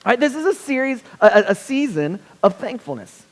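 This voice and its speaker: A young man delivers a chapel sermon as a pastor, his voice pitched high for a man. He talks loosely and personally, full of self-deprecating jokes and quick "right?" check-ins with the listeners. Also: big pitch swings. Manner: conversational, self-deprecating humor with frequent "right?" asides. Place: university chapel.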